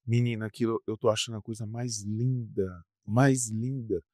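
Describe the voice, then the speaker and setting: A man's voice: on the low side, normal speed, no room sound, clean studio sound. A man, a rock singer, telling stories casually as a podcast guest, full of fillers and repeated words. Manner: animated, repetitive storyteller with frequent fillers. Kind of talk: casual storytelling interview.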